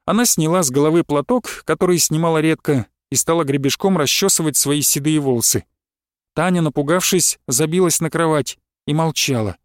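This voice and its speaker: A man calmly narrating a story as an audiobook reader. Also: fairly high pitch, dry recording, studio quality. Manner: calm, measured storytelling. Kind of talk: audiobook reading.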